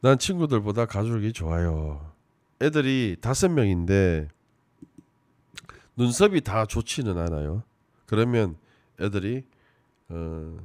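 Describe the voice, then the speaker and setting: A man giving casual commentary on a TV show, swinging between loud emphasis and low muttering. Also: no echo.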